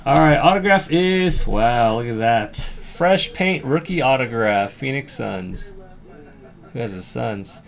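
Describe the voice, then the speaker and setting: In an indoor room, a man hosts a casual live card break, his hands over a table of card boxes as he opens packs, reads names aloud, and chats with viewers. His medium-pitched voice is slow and creaky, broken by sudden animated bursts of excitement.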